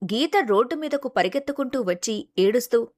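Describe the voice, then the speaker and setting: A woman narrating a scripted family drama in a steady storytelling manner. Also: fairly high pitch, brisk.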